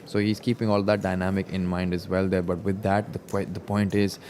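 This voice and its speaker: Deep-voiced male poker commentator, noisy background. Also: level tone, brisk, a little mellow. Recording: noisy live-event ambience.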